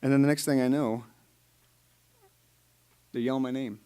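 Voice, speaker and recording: A man's voice: medium pitch, steady tone, moderate pace, mellow, smooth, natural voice. A young man playing a freed criminal, telling it in a casual, incredulous, rambling way. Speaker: student actor.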